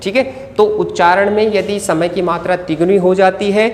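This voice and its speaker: Grammar teacher, exam-prep lecture, asks and answers own questions, drawn-out words. Roomy recording with a long tail. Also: mid-range voice, steady tone. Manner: poses rhetorical questions and answers them, stretches key words. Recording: echoey room with long reverb, faint ambience.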